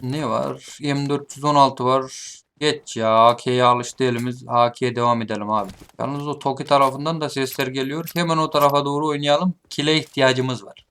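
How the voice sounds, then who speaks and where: A man giving gameplay commentary, taunting his opponents, muttering at some moments and shouting at others. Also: mid-range voice, steady tone, normal speed, clean tone. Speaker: gaming streamer. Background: game gunfire.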